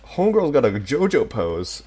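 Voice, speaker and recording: A man's voice: medium pitch, wildly swooping pitch, moderate pace, darkish tone. Young man, let's play host, jokey, irreverent, casual commentary.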